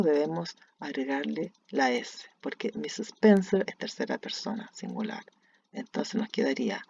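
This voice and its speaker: An English teacher with a Chilean Spanish accent explains grammar slowly and deliberately, repeating each example sentence. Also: mid-range voice, gravelly, mellow, dull audio, slight background noise. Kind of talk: recorded lesson explaining grammar.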